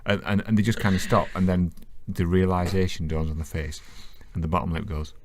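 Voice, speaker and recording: A very deep-voiced man with a Yorkshire accent, chatting casually as a podcast co-host. He rambles and often stumbles over the first words of a sentence. A faint hiss of noise sits under the recording. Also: flat delivery, a little fast. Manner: rambling, repeats words when starting sentences. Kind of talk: casual chat.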